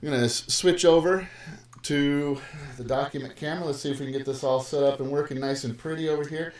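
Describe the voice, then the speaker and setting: A man's voice: fairly high pitch, steady tone, a little fast, a little mellow. Chatty male math teacher, roomy stream. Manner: chatty, playful, lots of fillers and asides. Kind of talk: casual live-streamed lesson. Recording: roomy live stream with faint noise.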